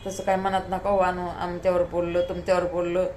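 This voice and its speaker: A woman's voice: lowish voice, completely flat delivery, a little fast, darkish tone, a little hiss or hum. A woman vlogger talking to her viewers in a tired, pleading, heartfelt way, often repeating herself. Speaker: YouTuber. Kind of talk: emotional talk to camera.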